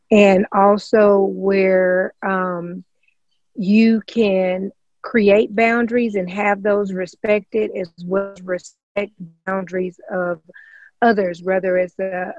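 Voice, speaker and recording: A woman in her forties speaks in a measured, thoughtful way as a panel guest. The recording is dry and a little dull, as if the high end has been cut off. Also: darkish tone, no echo. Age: 40s. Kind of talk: casual discussion.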